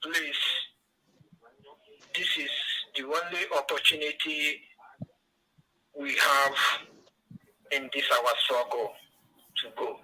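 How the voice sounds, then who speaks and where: A man calling in on speakerphone, talking in emphatic, rallying, slow phrases over a noisy line. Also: medium pitch, flat delivery, bright, forceful tone, breathy edge. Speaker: caller. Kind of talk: call-in to an online talk show. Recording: noisy phone line heard through a speaker, far from the mic.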